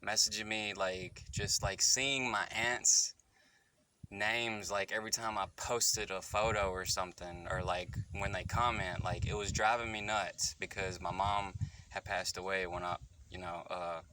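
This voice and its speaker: Talking into his phone amid a noisy background, a man in his thirties confesses a personal story to the camera with candor. His voice is low and steady. This vlogger rambles, stops and starts, and keeps fixing what he just said.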